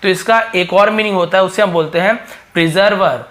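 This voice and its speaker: A man's voice: sits high, fairly even intonation, a little fast, a bit bright. A man hosting his own channel, teaching English opposite words in a patient explaining style, repeating each word and asking rhetorical questions. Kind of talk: explaining a vocabulary lesson.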